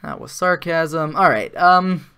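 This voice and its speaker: A man's voice: fairly high pitch, expressive, slow, bright, forceful tone, smooth. A man giving casual live-stream commentary while playing an online card game, thinking aloud, with sarcastic asides.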